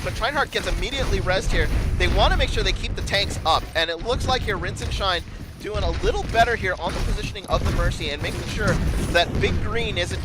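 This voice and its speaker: A man calling esports live as a play-by-play caster, in a frantic, excited rush of short breathless calls. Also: sits high, background noise. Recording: game music behind the voice.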